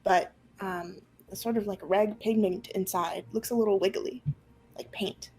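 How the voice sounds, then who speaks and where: A young woman narrating an online tabletop roleplaying game as game master, improvising her descriptions haltingly. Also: medium pitch, steady tone, darkish tone, rough recording. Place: room at home, on a group video call. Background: faint music.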